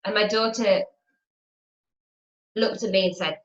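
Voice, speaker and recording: A woman's voice: medium pitch, steady tone, a little slow. A woman giving a chatty motivational teaching talk as a spiritual teacher, repeating her phrases and acting out inner voices. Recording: roomy, dull lo-fi home video.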